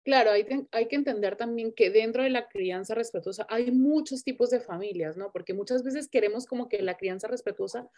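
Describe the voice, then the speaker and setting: A woman's voice: fairly high pitch, fairly quick, few pauses, darkish tone. A woman interviewing a guest about parenting, agreeing with her and adding her own views in a conversational way.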